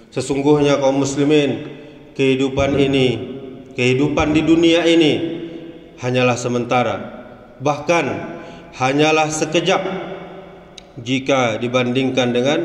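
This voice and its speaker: Man preaching in an echoey mosque. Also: medium pitch. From West Sumatra, Indonesia. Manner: measured, sings some phrases in a chanting lilt. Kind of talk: dawn mosque sermon. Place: large mosque hall. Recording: echoey hall with long reverb.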